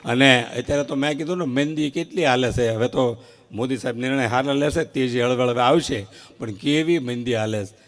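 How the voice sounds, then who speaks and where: A man doing live comic storytelling at a folk stage show, acting out short quoted exchanges with lively timing. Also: medium pitch, fairly quick. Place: live outdoor stage event before an audience.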